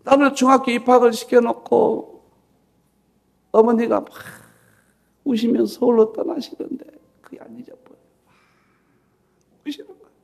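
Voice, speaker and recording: A middle-aged male pastor preaching a sermon and telling a personal story with strong emotion, swinging from loud exclaiming to hushed whispers. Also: very high-pitched, little pitch movement, moderate pace, creaky, pauses often. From South Korea. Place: church dawn service.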